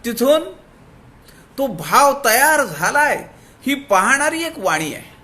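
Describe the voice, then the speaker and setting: A man with a Marathi accent giving a devotional discourse, drawing out quoted verses slowly. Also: very high voice, very animated, bright, forceful tone. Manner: slows to draw out quoted verses. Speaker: spiritual discourse speaker. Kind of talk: devotional discourse explaining scripture.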